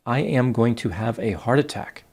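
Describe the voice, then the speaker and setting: A man reading out the messages of a smitten, lonely older man, slowly and plainly. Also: mid-range voice, gravelly, a little mellow, breathy edge. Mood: pleading.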